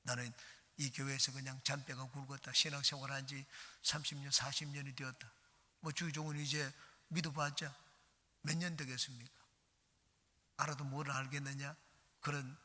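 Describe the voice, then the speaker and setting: A man's voice: medium pitch, pushed and bright. A middle-aged male pastor giving an earnest dawn sermon, reading scripture aloud. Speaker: senior pastor. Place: church sanctuary. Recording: church hall reverb.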